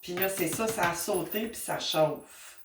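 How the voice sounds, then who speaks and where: A woman's voice: lowish voice, measured pace, faint music behind. A woman with a Québécois accent doing a casual spiritual card reading, talking to her guides in a chatty, meandering way with many fillers. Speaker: tarot and oracle card reader. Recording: roomy and a bit distant, faint noise.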